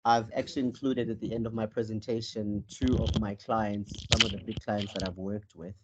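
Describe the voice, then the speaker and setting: This fairly low-pitched male voice stays flat in pitch and keeps a moderate pace while a South African life coach from Cape Town presents online as a guest speaker. He introduces himself with lots of ums and self-corrections. It's muffled video call audio and very noisy.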